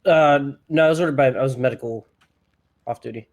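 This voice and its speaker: A man testifying as a witness in a roleplay court, his voice sitting at an ordinary middle pitch. He tells his account in a loose, rambling way, full of fillers and false starts. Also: fairly quick, darkish tone. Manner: rambling, with many fillers and restarts.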